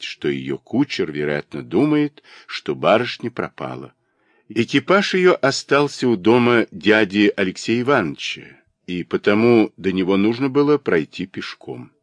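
A man narrating a classic novel as an audiobook, with an expressive storytelling delivery. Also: on the low side, no echo.

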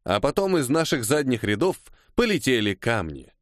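A man reading a first-person novel aloud as audiobook narration, in an expressive manner. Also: medium pitch, moderate pace, no room sound, clean studio sound.

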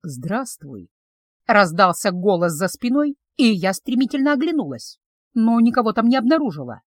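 A woman narrating a first-person fantasy audiobook in an expressive, lively storytelling manner. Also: a little high, a little fast, no echo, studio quality.

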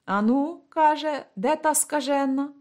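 A woman voicing a brisk, caring young woman friend who fusses over someone ill, in a storybook reading. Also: high-pitched, a little mellow, voice pushed up, lightly acted. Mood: concerned.

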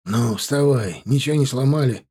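A man voicing a blunt elderly man with a raspy voice. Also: medium pitch, normal speed, lightly acted. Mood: reassuring. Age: older. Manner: blunt and rough, calmly reassuring.

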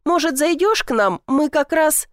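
A woman voicing a kindly fussing middle-aged village woman, drawn-out calls, higher voice. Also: animated, dry recording, studio quality.

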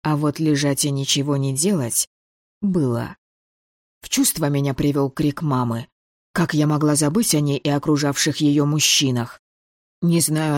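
Measured audiobook narrator, dry close voice. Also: medium pitch, darkish tone, no echo. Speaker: audiobook reader. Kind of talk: scripted first-person fantasy narration.

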